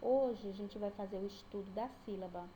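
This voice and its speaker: A woman's voice: mid-range voice, normal speed, noisy background. A woman teacher with a Brazilian accent giving a recorded online lesson, patiently sounding out each syllable. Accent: Brazilian Portuguese.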